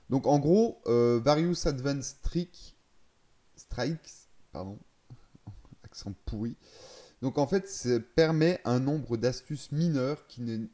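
A man's voice: mid-range voice, warm tone. A man casually explaining a game's settings, thinking aloud, hesitating and correcting himself as he goes. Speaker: gaming video creator.

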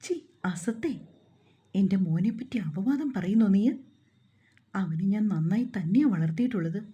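Brief: scornful middle-aged stepmother , read by a woman, dark husky tone. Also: mid-range voice, animated, normal speed, dull audio. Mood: scolding. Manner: scolding, scornful.

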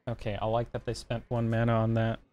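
A man's voice: mid-range voice, monotone, brisk, darkish tone, muffled recording. A man streaming a card game, chatting casually and thinking through his moves aloud with plenty of fillers. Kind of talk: casual gameplay commentary.

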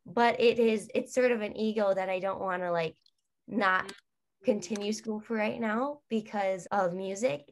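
A woman's voice: medium pitch, normal speed. A young woman, a guest singer, talking earnestly and chattily on a video call, drifting off on tangents. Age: young adult. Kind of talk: casual video-call interview. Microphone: laptop webcam on video call.

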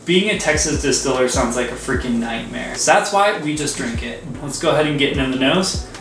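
Co-hosting a whiskey review from a small indoor room with a home bar, a man in his twenties chats in slangy, emphatic bro talk. His mid-range voice is animated, brisk, and creaky, with soft music behind, a roomy echo, and a mic set a bit far off.

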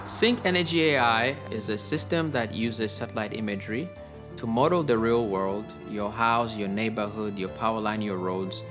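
A man from Rwanda, a tech company founder, calmly explaining his work in a documentary interview. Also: lowish voice, normal speed. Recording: music bed underneath.

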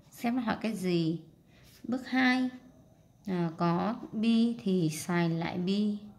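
Gravelly-voiced woman teacher, chatty and patient. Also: mid-range voice, darkish tone. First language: Vietnamese. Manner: chatty, thinks aloud with many fillers; spells out English words slowly. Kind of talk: workbook lesson walkthrough.

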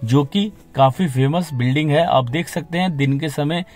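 Man, tour-guide voice-over, informative delivery, slightly raised pitch, soft guitar music underneath. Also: moderate pace. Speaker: travel vlogger. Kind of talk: scripted voice-over narration.

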